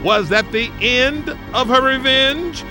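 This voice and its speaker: A man's voice: very high-pitched, slow, over music. A man hosting a radio show, wrapping up a comedy sketch in a playful, theatrical way.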